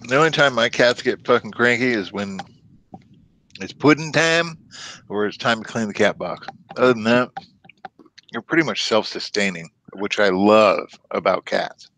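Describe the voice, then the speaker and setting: Low-voiced man hosting a casual chat. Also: normal speed, a bit bright, a little hiss or hum. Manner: joking, loose and profane. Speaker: host.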